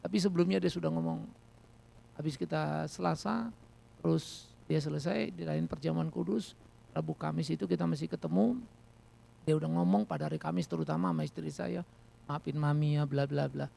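A middle-aged man preaching a sermon as a pastor, telling personal stories in a lively, animated way. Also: on the high side, a little fast. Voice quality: gravelly.

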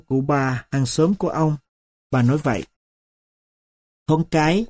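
A man narrates a first-person story in an audiobook. His voice is warm and mellow, and his reading is slow, solemn and reflective. The recording is close and dry, with no room sound. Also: on the high side, no echo.

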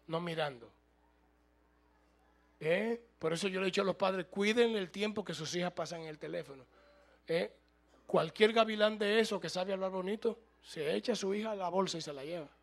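High, gravelly-voiced preaching man. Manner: preaching, rising to loud emphatic bursts, asks the room. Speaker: pastor. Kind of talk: sermon.

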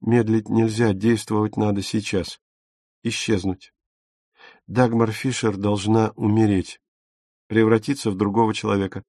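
A man voicing a calm, earnest young soldier. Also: on the low side, unhurried, no room sound, clean studio sound. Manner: soft-spoken, steady. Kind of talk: audiobook character reading.

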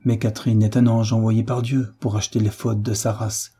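A man's voice: lowish voice, flat delivery, brisk, dark tone, slightly rough. A man voicing an earnest, resolute young man pleading with his father. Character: young nobleman son, earnest, devoted, resolute.

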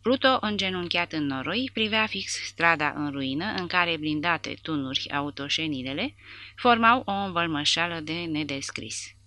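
A woman narrating a war novel audiobook with a dramatic, expressive reading. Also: deep voice, no room sound.

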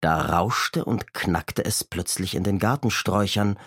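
A man reading a children's story aloud as narrator, expressive and lively. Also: deep voice, a little slow, breathy edge, dry recording, clean studio sound.

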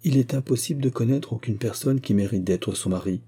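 A man playing a flattering young squire. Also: mid-range voice, fairly quick, slightly rough. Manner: courtly, flowery, flattering. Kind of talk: audiobook reading.

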